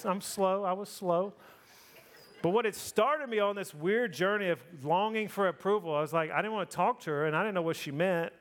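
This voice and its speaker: A man in his forties gives a sermon built around his own life story. He talks in a loose, conversational way, pokes fun at himself and keeps asking the listeners "right?" His voice sits a touch higher than most men's. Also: fairly bright tone. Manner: conversational, self-deprecating, often asks the crowd "right?". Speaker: preacher.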